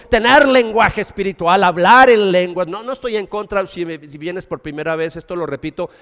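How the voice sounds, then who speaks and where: Un pastor que predica un sermón, alternando énfasis fuertes con apartes en voz baja y escenas coloquiales actuadas para la congregación. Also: male voice, high-pitched. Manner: preaching with dramatic swings between loud emphasis and quiet asides; colloquial, acts out little scenes for the congregation. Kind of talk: sermon. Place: church hall. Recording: long church-hall reverb.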